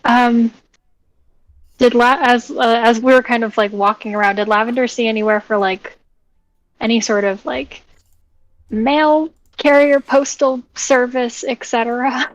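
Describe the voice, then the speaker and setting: A woman's voice: on the high side, steady tone, a little slow, dry recording, rough recording. A woman playing a tabletop game who asks questions hesitantly, with many fillers. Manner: hesitant, full of likes and ums. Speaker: player.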